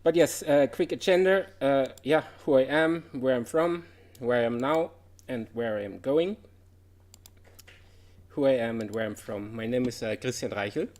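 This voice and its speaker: A German man gives an informal conference talk about his game development career. He speaks at a normal speed in a mid-range, slightly mellow voice, staying chatty with plenty of "uh" fillers and light laughs.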